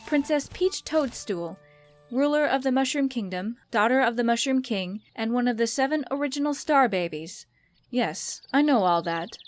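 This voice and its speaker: A woman plays an earnest cosmic princess with a high voice and a formal, dignified delivery. It is cartoon dub acting, with light music behind it. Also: no room sound, lightly acted. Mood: formal, assertive. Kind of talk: animated comic dub acting.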